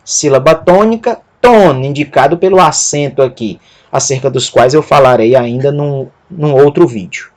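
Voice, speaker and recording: A man giving a Greek lesson, spelling out letters one by one and repeating words slowly. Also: medium pitch, a little mellow. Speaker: Greek teacher. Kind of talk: slow spoken lesson.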